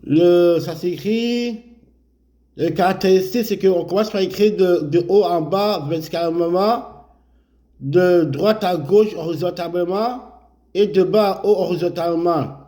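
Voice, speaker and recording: A man's voice: high-pitched, unhurried, mellow. A man teaching Arabic letters step by step, explaining while he writes and repeating each sound many times. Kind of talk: slow step-by-step lesson.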